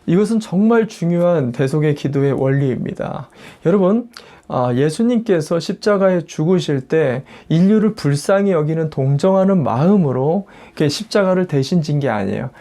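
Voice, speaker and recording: Male pastor, sermon, emphatic, mellow voice, slightly high pitch. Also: lively intonation, moderate pace. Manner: emphatic preaching that acts out quoted prayers and family voices. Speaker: senior pastor. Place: church in the United States.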